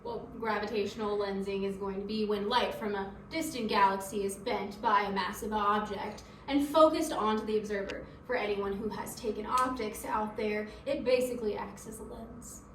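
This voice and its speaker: A woman's voice: medium pitch, fairly even intonation, moderate pace, hardly any pauses, fairly bright tone. A young woman explaining physics as a student in a casual skit. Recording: echoey room, distant mic, faint noise.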